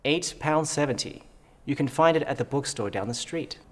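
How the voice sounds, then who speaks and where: A man's voice: medium pitch, lively intonation, normal speed, natural voice. An actor playing a helpful local man giving directions in a scripted dialogue. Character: helpful male local guide.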